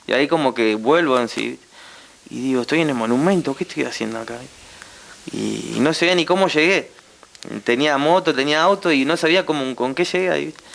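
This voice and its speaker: A young Argentine man with a Rioplatense accent giving a heartfelt personal testimony as a guest, halting and full of repeated tag questions. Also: on the high side, creaky, fairly bright tone.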